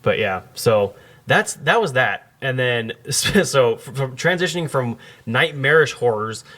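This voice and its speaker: A man's voice: medium pitch, expressive, measured pace, fairly bright tone. A man hosting a podcast, telling a long story in casual chat with many fillers and restarts. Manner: rambling, lots of fillers and restarts. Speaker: podcast host.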